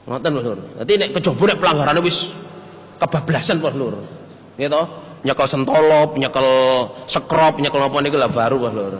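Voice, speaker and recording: An older man with a Javanese accent preaching a lively, joking sermon to a congregation. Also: normal speed. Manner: lively, jokes and leaps between high and low pitch. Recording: long hall reverb.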